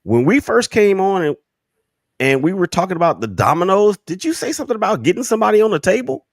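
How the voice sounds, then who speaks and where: A man's voice: sits high, big pitch swings, fast talker, creaky, no room sound, studio quality. A man co-hosting a panel chat, teasing and playful. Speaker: co-host. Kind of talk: casual chat.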